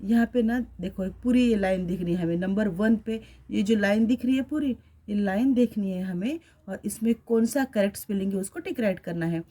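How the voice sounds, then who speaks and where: A woman's voice: mid-range voice, a little fast, mellow. Woman teacher spelling out words. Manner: spells words letter by letter, mixes Hindi and English. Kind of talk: classroom lesson explaining a workbook.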